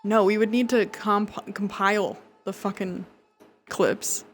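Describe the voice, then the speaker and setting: A woman's voice: mid-range voice, fairly even intonation, slow, soft background music. A woman live streamer chatting casually and jokingly with her chat while she plays a video game, swearing freely.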